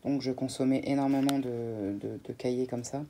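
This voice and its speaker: Mellow-voiced chatty woman vlogger. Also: rumbling low, fairly even intonation, moderate pace, slight background noise. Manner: chatty, addresses viewers, frequent fillers and restarts. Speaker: beauty vlogger. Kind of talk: casual unboxing chat.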